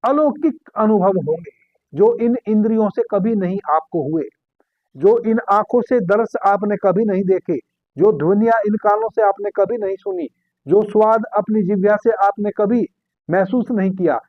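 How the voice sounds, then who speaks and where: A man calmly giving guided meditation instructions as a spiritual teacher, repeating key phrases slowly. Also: high voice, no room sound. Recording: tinny phone-like sound.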